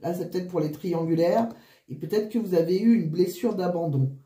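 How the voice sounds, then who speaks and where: Breathless, wheezy woman reading cards, mellow voice. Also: on the low side, brisk, echoey room. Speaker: tarot card reader. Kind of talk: casual spoken card reading.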